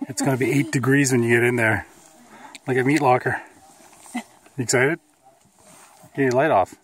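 A man on a cave tour chats with playful, teasing humor. His voice sits at a middle pitch for a man. He keeps the talk light as he films. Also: steady tone, moderate pace. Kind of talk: casual chat.

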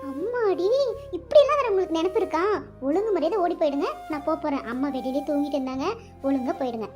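A woman voicing Selvi, a shy, anxious young village woman in love, in a cartoon, fretful and pleading. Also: close to an everyday voice. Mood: scared. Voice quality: very high girlish voice. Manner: fretful, pleading, quick to scold. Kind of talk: cartoon voice acting. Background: background music.

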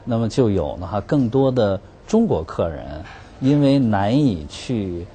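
Manager guy, lowish mellow voice, keeps saying ha, bit of hiss. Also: very animated. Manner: halting, many "哈" fillers. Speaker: restaurant manager. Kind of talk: interview answer.

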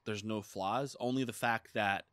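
Unhurried and a bit low, this man's clear, resonant voice carries a rambling, casual gaming-podcast chat he co-hosts in his thirties, full of "like" fillers and animated retellings. He's on a boom-arm desk mic in a small studio with a dark curtain backdrop, and the sound is dry.

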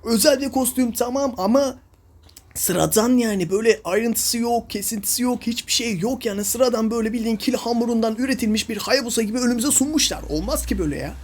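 A man's voice: very high-pitched, fast talker. A young man talks over his own mobile gameplay in a casual, running commentary. He keeps ranting in exasperation at his teammates, sighing and scolding as the match goes wrong. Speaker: mobile game streamer.

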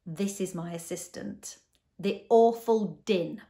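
A woman voicing a pompous, blustering middle-aged male doctor in a storybook reading, declaiming slowly. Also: medium pitch, gravelly, dark tone.

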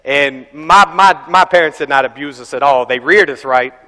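A young man preaching a sermon as pastor, animated and telling stories with acted-out voices. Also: on the high side, normal speed. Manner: animated storytelling, acting out voices. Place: large church hall. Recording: echoey church hall.

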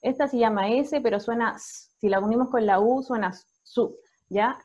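A woman's voice: on the high side, a little fast, a little mellow, lo-fi sound. A Chilean woman teacher patiently explaining phonics to parents, often checking in with "ya?". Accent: Chilean Spanish.

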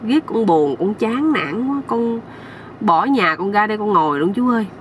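A woman's voice: mid-range voice, expressive, normal speed, slight background noise, close to an everyday voice. A woman with a Southern Vietnamese accent voicing a glum, naive young husband who pleads for advice. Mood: whiny. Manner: whiny, pleading.

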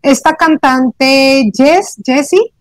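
A woman, a language teacher hosting a casual panel chat, explaining in an animated tone and acting out how students speak. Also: high-pitched, very slow, dry recording. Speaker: Korean teacher and host.

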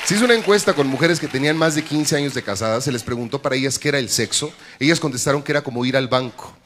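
A man with a Mexican accent doing a bawdy stand-up comedy routine on a live stage, jumping into shrill high voices for punchlines. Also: racing. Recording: live stage with audience crowd and noise.

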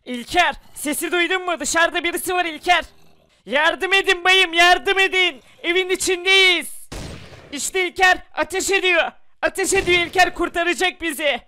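A man's voice: very high voice, normal speed, pushed and bright, heavily acted. A man voicing an anxious young survivor trapped in a house by zombies, who keeps scolding his friend. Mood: worried. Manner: anxious, scolding, repeats the other's name.

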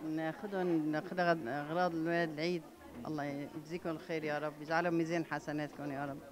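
A woman's voice: sits low, level tone, rapid-fire. A middle-aged woman with a Syrian Arabic accent, a mother being interviewed who keeps giving blessings and thanks. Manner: devout, full of blessings and thanks. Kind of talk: street interview. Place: busy indoor children's clothing shop. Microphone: handheld reporter mic. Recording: crowd chatter behind.

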